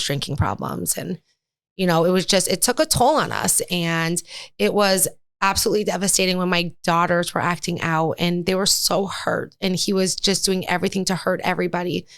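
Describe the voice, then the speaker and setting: A woman's voice: on the low side, normal speed, fairly bright tone, clear, resonant tone, dry recording. A middle-aged woman telling her own story as a podcast guest, candid and earnest. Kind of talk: casual interview chat.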